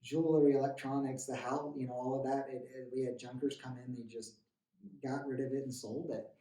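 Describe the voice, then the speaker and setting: A man in his thirties telling his recovery story in an earnest, halting way, often stammering and restarting. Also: medium pitch, fairly even intonation, dark tone. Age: 30s. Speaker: guest sharing a recovery story. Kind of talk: emotional personal testimony. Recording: roomy, distant mic.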